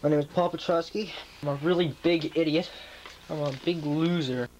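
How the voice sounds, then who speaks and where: A man's voice: on the high side, steady tone, normal speed, a little mellow. Goofy young man on old VHS tape. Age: young adult. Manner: goofy, self-mocking. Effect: old VHS home video playback. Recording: hissy VHS tape from a distance.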